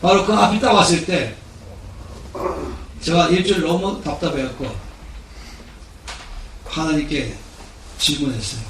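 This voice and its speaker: A man's voice: on the high side, a little slow, pauses often, a bit bright, far from the mic, slight background noise. A man in his sixties, a pastor giving a sermon, telling his story earnestly. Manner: earnest storytelling, acting out quoted speech. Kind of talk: sermon with personal testimony. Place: large church hall. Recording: echoey hall recording from afar.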